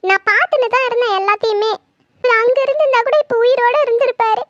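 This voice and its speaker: A grieving, furious cartoon mother, voiced by a woman, with a very high, shrill and scolding voice. The recording is dull and lo-fi, and it sounds dry. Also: fast, fairly bright tone, no room sound. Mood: bitter, scolding. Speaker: cartoon voice actor. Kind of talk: Tamil horror cartoon dub.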